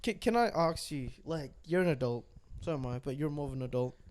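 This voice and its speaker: A man's voice: fairly high pitch, expressive, background noise. A young man co-hosting a podcast, rambling and chatty with lots of fillers. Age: young adult. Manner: chatty, rambling, filler-heavy, quick to laugh. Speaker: podcast co-host. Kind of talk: casual chat.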